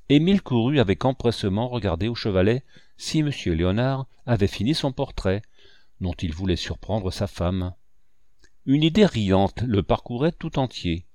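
Un homme lit un roman en livre audio, d'une lecture posée et expressive. Sa voix est plutôt grave, et la prise de son est sèche et rapprochée, sans écho. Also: male voice, lowish voice, no room sound, clean studio sound. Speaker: narrateur.

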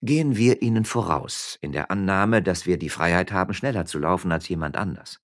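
A man narrating a story in an expressive, theatrical reading. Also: deep voice, a little fast. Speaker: audiobook narrator.

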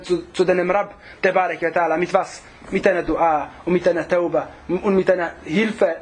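A man teaching a religious lesson, reciting Arabic passages rapidly and then explaining them again and again with rhetorical questions to the class. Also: high voice.

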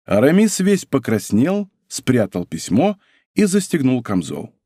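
Expressive male audiobook narrator. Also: mid-range voice, unhurried, breathy edge, dry recording, clean studio sound.

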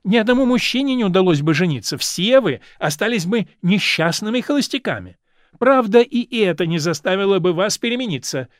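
A man's voice: sits high, expressive, fairly quick, no echo, studio quality, pitched above the performer's own voice. A man reading aloud and voicing a chatty, meddling older society lady who plays matchmaker, in a fussy, teasing manner.

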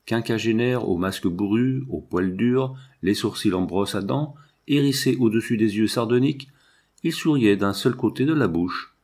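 Husky low-voiced male narrator. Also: a little mellow. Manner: measured, literary. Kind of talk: audiobook reading.

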